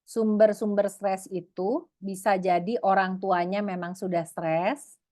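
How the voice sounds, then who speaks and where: Lively woman acting out family scenes. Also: measured pace, dry recording, studio quality. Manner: lively, acts out parents and children in high voices. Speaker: psychologist speaker. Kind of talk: webinar talk on parenting.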